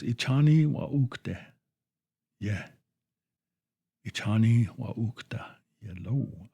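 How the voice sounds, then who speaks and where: A man teaching a language lesson on the radio, repeating each phrase twice in a slow, patient drill, with a dry folksy humor. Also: lowish voice, gravelly, dark tone, husky.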